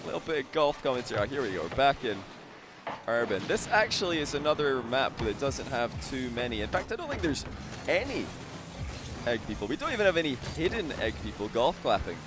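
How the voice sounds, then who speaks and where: A man's voice: mid-range voice, big pitch swings, a little fast, music in the background. A man commentating a live esports match in a joking, playful way, laughing often.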